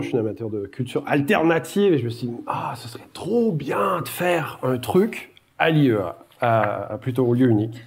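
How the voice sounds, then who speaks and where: A middle-aged guest lecturer from Quebec, Canada, speaks with a Québécois French accent in a warm, medium-pitched voice. His public lecture is casual and self-deprecating, with plenty of fillers.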